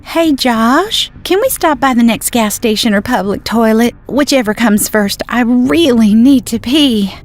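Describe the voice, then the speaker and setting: A woman voicing a tired, pregnant young wife in an animated story, speaking in a sleepy, pleading way. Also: fairly high pitch, a little slow, hardly any pauses, faint music behind.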